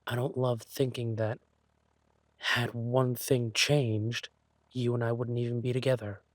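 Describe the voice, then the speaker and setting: A man playing an insecure, lovesick thief boyfriend in a romantic audio role-play, speaking haltingly and tenderly. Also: mid-range voice, flat delivery, no room sound, natural voice. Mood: troubled, tender. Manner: hesitant, halting, sighing delivery.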